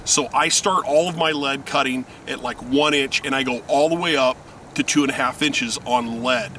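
Standing by a river, a middle-aged fishing instructor gives an emphatic how-to lesson outdoors, speaking straight to his viewers. His voice is medium in pitch, pushed and bright, at a moderate pace, caught on a distant mic with faint river noise.

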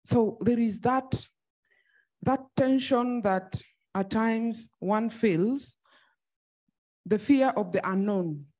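A woman from South Sudan, an NGO director and activist, asking a measured, thoughtful question into a handheld mic in a conference hall. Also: medium pitch, darkish tone. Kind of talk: floor question at a panel.

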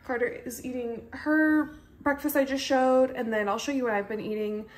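A woman's voice: high voice, fairly even intonation, moderate pace. A young pregnant woman chatting casually to her phone camera at home, tired, with lots of fillers. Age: young adult. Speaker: vlogger, stay-at-home mom. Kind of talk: casual vlog chat. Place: large bright home kitchen and living room, indoors. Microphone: phone held at arm's length.

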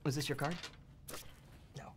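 A man's voice: a little slow, background noise, natural voice. An actor playing a cocky male stage magician under questioning in a film drama, smug, sarcastic and taunting.

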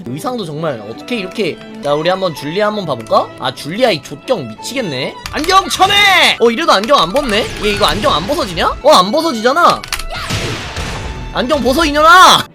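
A man streaming a fighting game, bantering crudely with lots of swearing, teasing and mock outrage, and answering viewer comments out loud. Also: sits high. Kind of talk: casual gaming stream commentary.

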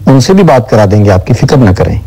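A man in a recorded voice message, speaking slowly and correcting someone's pronunciation. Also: medium pitch, big pitch swings, mellow, poor audio. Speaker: opponent in voice messages.

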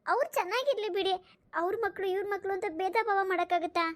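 A woman's voice: extremely high pitch, quick pace, voice pushed up. A woman voicing a kind mother in a cartoon who pleads to protect her children. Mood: pleading. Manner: pleading, gently reproachful.

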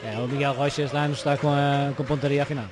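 A man's voice: mid-range voice, little pitch movement, quick pace. A man with a European Portuguese accent giving live sports analysis as co-commentator, hesitating and repeating words as he explains. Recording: loud crowd noise in sports hall. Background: crowd and arena noise.

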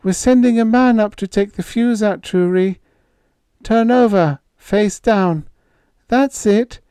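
A frightened young girl calls out in a high, trembling voice that keeps pleading, as a man puts her on. The pitch sits far above the reader's own low register. The sound is dry and close, with no room around it. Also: takes it slowly, dark tone, clean tone, no echo. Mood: coaxing.

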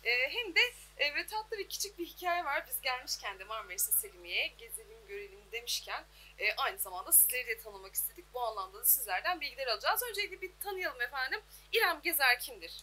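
A woman with a high, bright voice hosts a local TV interview. Her talk is formal and courteous, full of polite address. A faint hum runs behind her in the open workshop. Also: expressive, fast talker, poor audio. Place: outdoor laundry workshop.

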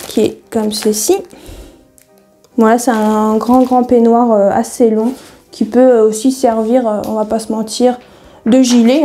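A sewing vlogger with a high-pitched, very mellow voice chats casually through a haul video. She rambles, hesitates a lot, pokes fun at herself, and laughs easily.

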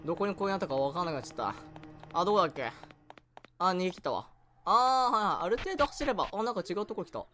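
A man's voice: high-pitched, very animated, quick pace, sharp tone, slight background noise. A man giving let's play commentary while he plays, chatty and easily startled, yelping and repeating words when something frightens him. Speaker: game streamer.

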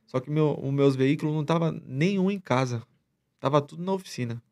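A man's voice: on the high side, fairly quick. Slangy young guy telling a story. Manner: slangy, animated, repeats himself. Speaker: podcast guest. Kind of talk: casual storytelling.

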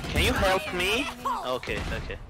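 A teammate on game voice chat speaking through a deep, demonic, doubled voice-changer filter, pleading and repeating short phrases. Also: very animated, normal speed, loud music behind the voice. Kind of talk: casual gaming chat.

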